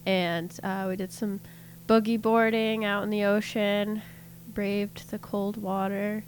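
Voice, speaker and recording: Woman, mid pitch, chatty host, laughs easily, faint hum behind. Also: flat delivery, slow pace. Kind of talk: casual chat.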